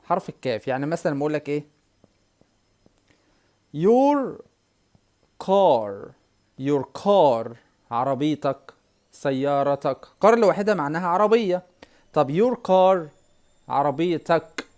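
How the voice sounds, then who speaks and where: A man with an Egyptian Arabic accent teaching a whiteboard English lesson, repeating words slowly and quizzing the viewer. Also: fairly high pitch, sing-song, a little mellow.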